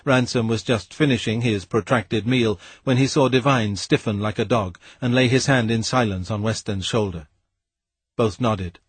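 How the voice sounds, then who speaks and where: A man reading a novel aloud as an audiobook narrator, in a measured, steady way. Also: on the low side, slightly rough, dry recording. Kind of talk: scripted narration.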